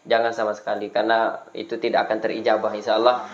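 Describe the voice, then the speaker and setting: A man's voice: on the low side, monotone, racing. A man chatting casually as an interview guest, giving moral advice with self-deprecating humour and an earnest streak. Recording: dull lo-fi audio with background noise.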